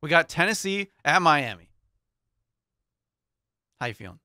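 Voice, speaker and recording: Bright-voiced young man co-hosting sports talk. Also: fairly high pitch, lively intonation, measured pace, no echo, studio quality. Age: young adult. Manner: easygoing, reads out matchups with light laughs. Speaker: co-host. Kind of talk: casual sports podcast chat. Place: small podcast studio with foam panels. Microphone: studio mic on boom arm, headphones.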